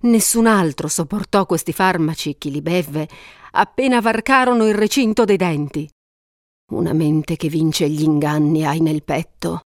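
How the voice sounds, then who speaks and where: A woman reading the part of a cunning enchantress goddess, soft and hushed, drawing the listener in. The voice is a little low and dry, close to the mic. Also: measured pace, no room sound. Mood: astonished.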